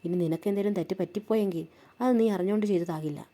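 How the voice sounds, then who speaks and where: A woman voicing a sympathetic middle-aged village woman giving gentle advice. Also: lowish voice, fast, close to an everyday voice. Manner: gentle, advising.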